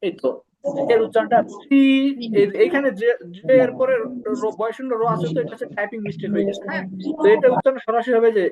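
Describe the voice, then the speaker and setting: A man with a Bangladeshi Bengali accent teaching an online language class, slowly saying syllables for students to repeat. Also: very high-pitched, dull audio, crowd noise. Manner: slow drilling, repeating syllables for students to echo.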